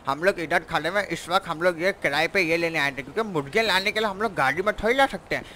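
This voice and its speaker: A man's voice: on the high side, quick pace. A man with a Pakistani Urdu accent doing casual in-character game roleplay, brash and teasing, calling his viewers his sons. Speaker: gaming vlogger and roleplayer. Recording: loud traffic and engine noise.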